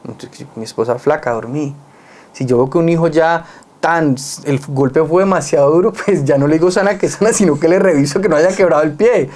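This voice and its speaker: An earnest Colombian man speaks in a relaxed, reflective conversation, his tone mellow and warm. He works his points through with plain everyday examples. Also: on the high side, fairly quick.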